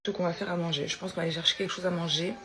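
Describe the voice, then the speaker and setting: A woman's voice: lowish voice, steady tone, rapid-fire, a bit bright. A woman vlogger chatting casually and loosely to her followers, with a slight lisp that makes her s sounds slushy.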